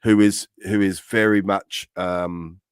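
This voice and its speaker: A middle-aged man with a fairly low voice talks earnestly on a live stream. He stops and restarts his sentences as he works through a point. The sound is close and dry. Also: flat delivery, clear, resonant tone, no room sound. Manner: earnest, halting, many restarts. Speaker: co-host. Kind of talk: casual live-stream chat.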